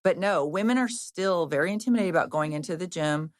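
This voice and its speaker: This woman in her fifties, a personal trainer, talks on a casual podcast in a fairly quick voice on the low side. The sound is studio quality without echo. She is chatty, frank and rambling, restarting often, using fillers, and swearing now and then.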